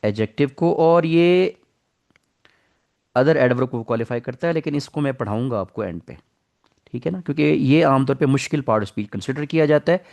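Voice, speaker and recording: A man's voice: mid-range voice, lively intonation, moderate pace, gravelly, a little mellow. A middle-aged man with a Pakistani Urdu accent, lecturing an online English class, patiently explaining grammar and asking the students questions. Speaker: English teacher.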